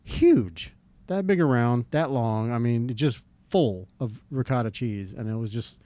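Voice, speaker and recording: Expressive and mellow at a medium pitch, the voice belongs to a Jacksonville, Florida podcast host. His talk is loose and rambling, with self-described redneck flavor and long, drawn-out storytelling.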